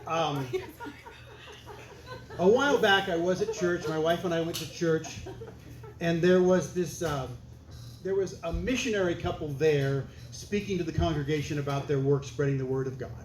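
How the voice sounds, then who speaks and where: A man's voice: fairly high pitch, moderate pace. A man doing stand-up comedy, telling a story in a dry, conversational, punchy way. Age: older. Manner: deadpan, conversational, punchy delivery. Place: comedy stage before a laughing audience. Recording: echoey club room, faint hiss.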